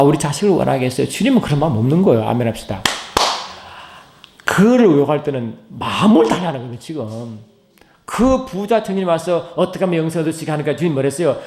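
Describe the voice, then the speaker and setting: A middle-aged pastor man delivers a sermon in a roomy church with a lot of echo. His voice sits fairly high for a man, and he swings from loud, high calls to quiet asides while peppering the congregation with questions. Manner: asks the congregation many questions. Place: church sanctuary.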